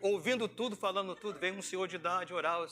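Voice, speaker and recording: Soft music plays behind this middle-aged Brazilian pastor as he delivers a casual sermon full of personal stories. He talks fast in a high-pitched, pushed, bright voice, acting out dialogue and posing rhetorical questions in a conversational storytelling style.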